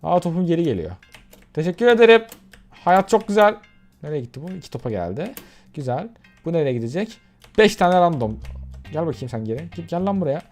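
A young man giving casual let's-play commentary while gaming, excitable and prone to sudden yelps. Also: fairly high pitch, brisk, soft background music. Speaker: gaming YouTuber.

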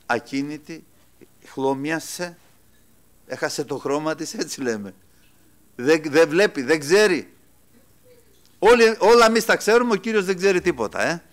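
A man delivers a church sermon in a high-pitched voice. He calls his listeners brothers. He swings between loud, ringing exclaiming and quiet, dropped asides. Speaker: preacher.

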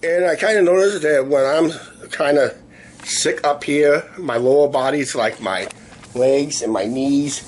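A man in his fifties chatting casually to camera in a rambling, halting way, his voice weak and sore after illness. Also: fairly high pitch. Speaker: vlogger. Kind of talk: casual video diary chat. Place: small living room, indoors. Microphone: camera at arm's length. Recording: noisy room ambience on camera mic.

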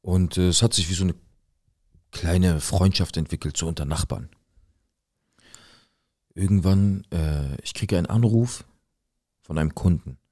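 A man's voice: low-pitched, unhurried, long pauses, dark tone. A man casually telling his own story in first person, in plain, direct street slang, acting out what people said. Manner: acts out quoted lines in the tale.

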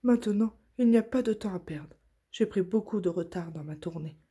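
A woman voicing a kind, jolly old Father Christmas in a children's storybook, louder and higher than her narration. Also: moderate pace, breathy edge, close to an everyday voice. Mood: hurried.

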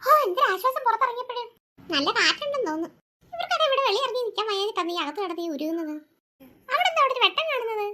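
A woman's voice: very high-pitched, sing-song, racing, pushed and bright, slight background noise, heavily acted. A woman voicing a young girl alone at night in a cartoon, frightened and muttering to herself. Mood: musing. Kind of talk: cartoon voice acting.

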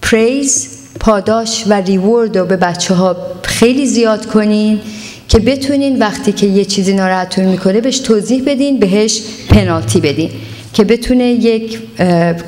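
A woman's voice: mid-range voice, darkish tone. A woman speaking at a parenting seminar, giving earnest advice and slipping English words into her talk. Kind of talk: seminar lecture. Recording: long hall reverb.

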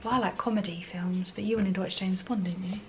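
A woman's voice: mid-range voice, fairly even intonation, fast talker, a little mellow, muffled recording. A young woman, chatting cheerfully to camera in a casual vlog. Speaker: vlogger. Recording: home video with clear background noise.

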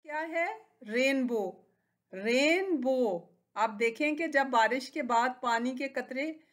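A woman with a Pakistani accent gives a recorded school lesson to young children. Her voice is high, and she speaks slowly, stretching each word out and praising the children gently. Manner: gently encouraging. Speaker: teacher.

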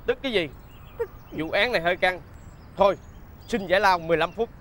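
An actor playing a stern young district mandarin judge in a folk tale TV drama. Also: male voice, high-pitched, a little fast, heavy background noise, natural voice. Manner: stern, commanding orders.

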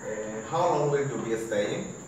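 A young male student with a medium-pitched, natural voice plays a polite hotel desk agent in a classroom role-play phone call, sounding formal and scripted. He's animated but measured in pace. A far-off camera picks him up in a large, echoey, noisy indoor classroom.

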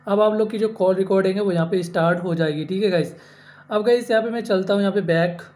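This tech tutorial channel host has a high-sitting, darkish voice. He walks viewers through a phone app step by step, calling them friends and repeating himself.

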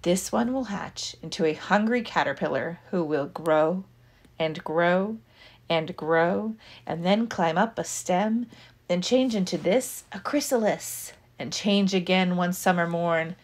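A woman with a voice on the low side reads a children's picture book aloud the way a teacher would. Her phrasing is deliberate and expressive, pitched for young listeners.

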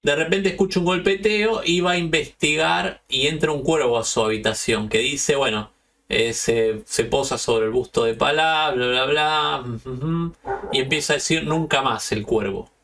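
Gravelly Argentine man telling stories. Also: fairly high pitch, moderate pace, recorded from a distance. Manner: loose, slangy and profane, animated retelling. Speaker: podcast host. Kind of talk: casual storytelling chat.

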